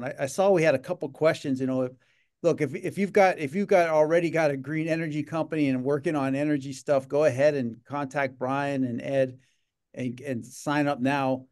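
On a casual webcam video call from a home office, a middle-aged man who leads a gaming association answers interview questions in a rambling way, with lots of fillers and repeated words. His voice is medium-pitched and a little mellow.

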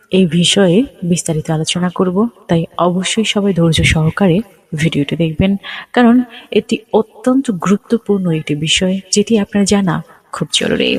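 A man giving a slow, careful lesson on pronouncing words in recitation, repeating each example. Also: sits high, husky, low-quality recording. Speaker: religious teacher. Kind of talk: Quran pronunciation lesson.

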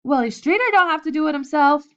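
Woman doing a loud, pushy young boxer. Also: sits high, expressive, fast, highs cut off, voice pushed up. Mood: demanding. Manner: loud, demanding, rude.

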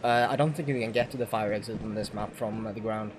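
A streamer chatting casually with friends during a co-op game, swearing often and shouting when startled. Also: medium pitch, fairly even intonation, quick pace. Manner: swears a lot, loud outbursts when startled. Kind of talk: casual gaming chat with friends. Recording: noisy game stream audio.

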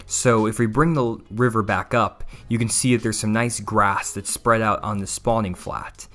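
A young man, giving steady instructional voice-over on bass fishing. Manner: explanatory, steady walkthrough. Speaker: fishing channel host.

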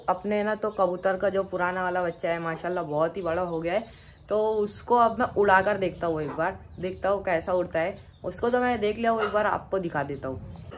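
Standing near his poultry pens, a high-voiced man records a relaxed pet vlog with a little hiss or hum and clucking birds behind him. Treating viewers as friends, he chats away and occasionally shouts at his hens, alternately coaxing and scolding them.

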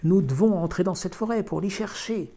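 A man playing a stern, bitter farmer in a storybook reading, loud and curt. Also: sits high, normal speed, voice pushed up. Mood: urgent.

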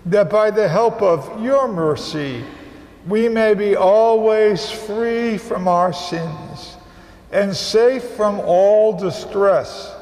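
Slow priest in cathedral echo. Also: male voice, sits high, gravelly, darkish tone. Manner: slow, measured recitation. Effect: cathedral echo with long reverb. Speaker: priest celebrating Mass. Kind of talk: liturgical prayer at a school Mass. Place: large cathedral basilica. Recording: echoey cathedral hall, long reverb.

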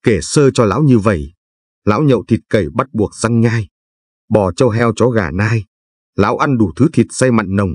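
A man reciting as a gentle talking tooth. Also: lowish voice, normal speed, breathy edge, no echo, clean studio sound. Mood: pleading. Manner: soft sing-song verse chanting.

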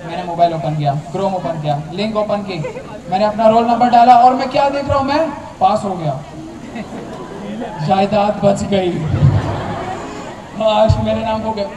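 A young man telling an animated stand-up comedy story, acting out his family members. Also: high voice, moderate pace, long pauses. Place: large tented college hall with a seated crowd. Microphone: handheld mic, filmed from far back in the audience. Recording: distant echoey hall with crowd noise. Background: audience laughter and chatter.

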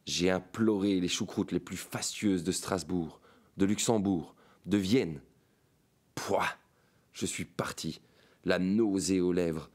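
A man with a very deep voice reads a fantastic tale aloud. He narrates in a measured, dramatic way, as in an audiobook. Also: darkish tone. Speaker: reader of a short story.

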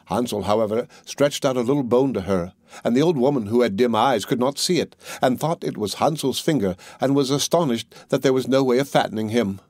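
A man narrating a fairy tale in measured, scripted storybook style, recorded on a close mic. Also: mid-range voice, darkish tone, no room sound. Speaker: audiobook narrator.

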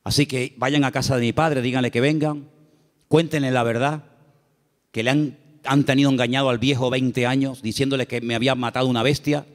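A man voicing Joseph, a powerful man gently forgiving his brothers in a low, tender tone, in a reverberant church hall. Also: fairly even intonation, fairly quick, natural voice.

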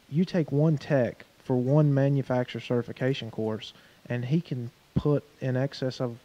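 A man on a car-repair panel, speaking in a measured, explanatory way with fillers and restarts, on a handheld mic in a showroom. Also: mid-range voice, warm tone, lo-fi sound. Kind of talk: panel discussion.

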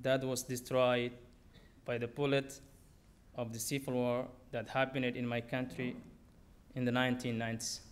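A young man tells his own story on a theater stage, reading steadily from his notes at a lectern. His voice sits at an ordinary middle pitch and comes through a podium microphone. His phrasing is simple and measured. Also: flat delivery, slight background noise. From Somalia. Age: young adult. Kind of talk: personal story read aloud on stage.

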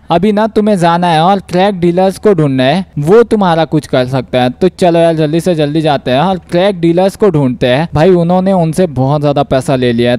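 A young man giving casual, joking gameplay commentary, excitable and trash-talking the characters on screen. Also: fairly high pitch, clear, resonant tone.

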